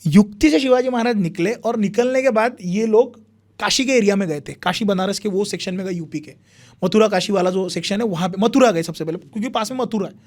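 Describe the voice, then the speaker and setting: A young man, a history speaker, telling a long story in animated conversation and acting out what people said. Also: high voice, brisk. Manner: animated retelling with repeated phrases, acts out quotes.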